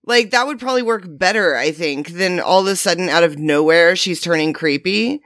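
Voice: mid-range voice, moderate pace, a bit bright, no echo. Podcast co-host critiquing, dry sound. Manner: critical, hedging with "like". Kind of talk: casual chat.

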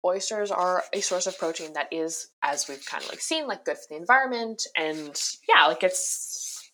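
Young woman co-host, lower voice that swings widely, wry and talky. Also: normal speed. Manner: animated, wry, many fillers. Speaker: podcast co-host. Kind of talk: casual chat.

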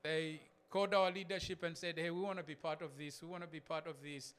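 A man's voice: fairly high pitch, steady tone, fairly quick, fairly bright tone, clean tone. A man from Zambia, a missionary guest speaker, giving a casual church talk with pictures, repeating words and laughing in asides.

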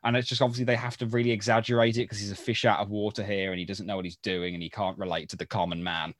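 A man's voice: lowish voice, flat delivery, rapid-fire, no room sound, clean studio sound. A man co-hosting a podcast in casual chat, rambling and thinking aloud as he goes. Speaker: podcast co-host. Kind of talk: casual chat about a sitcom.

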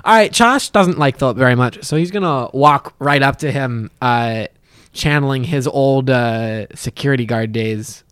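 A man's voice: mid-range voice, normal speed, fairly bright tone, smooth, dry recording, studio quality. A man talking casually as a player in a tabletop game.

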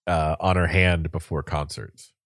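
A man's voice: a bass voice, steady tone, measured pace, a bit bright, no echo, clean studio sound. A young man hosting a casual podcast chat, rambling with lots of fillers and frequent laughter. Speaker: podcast host.

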